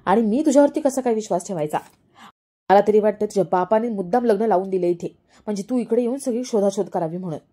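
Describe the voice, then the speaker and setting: A woman voicing a secretive middle-aged aunt who speaks in a lowered, confiding way. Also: fast, warm tone, lightly acted. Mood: suspicious.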